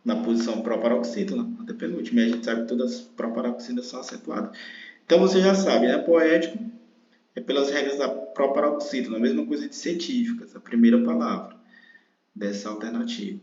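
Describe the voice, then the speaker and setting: A man's voice: mid-range voice, fairly quick, a little mellow. A man with a Brazilian Portuguese accent, a teacher patiently explaining a grammar exercise and drawing out words syllable by syllable. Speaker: online exam-prep teacher. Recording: roomy, dull lo-fi sound.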